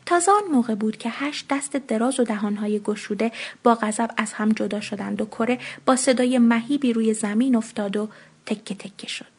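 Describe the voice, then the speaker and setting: A woman narrating a short story in an expressive reading voice, lifting her pitch when she speaks the children's lines. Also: breathy edge.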